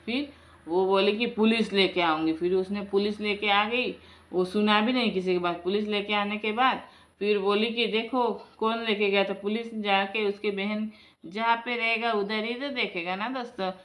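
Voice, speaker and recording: A woman's voice: mid-range voice, steady tone, moderate pace, a bit bright. A woman casually telling a family folk story, chatting to her listeners as friends and breaking into emotional exclamations.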